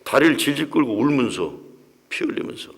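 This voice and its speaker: The long reverb of a church hall surrounds this sermon, in which a pastor in his sixties emotionally recounts something from his own life and voices the people he quotes. His mid-range voice is expressive and a little fast, with vocal fry and a breathy edge.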